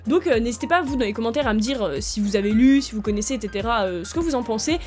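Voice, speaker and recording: A young woman in a casual, chatty book vlog, talking excitedly to her viewers with plenty of fillers and restarts. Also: on the high side, fast talker, faint music behind. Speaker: book vlogger. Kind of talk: casual chat to camera.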